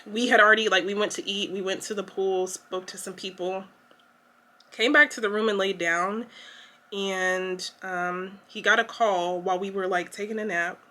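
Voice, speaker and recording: A woman's voice: mid-range voice, steady tone, unhurried, bright, forceful tone. A young woman, telling a story to her vlog camera in a chatty, emotional way with lots of fillers. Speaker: vlogger. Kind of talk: casual story time to camera.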